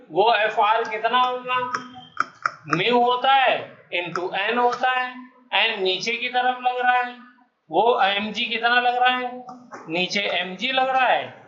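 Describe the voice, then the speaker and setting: Slow-talking male teacher in an echoey classroom. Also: extremely high pitch, a bit bright, slight background noise. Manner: quizzes students, coaxing answers step by step. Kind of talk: classroom physics lesson. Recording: dull, echoey classroom recording.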